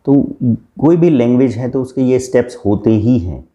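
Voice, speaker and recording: A man teaching a language lesson as a coach, mixing Hindi and English and slowing down to read out English definitions. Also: medium pitch, animated, mellow, lo-fi sound.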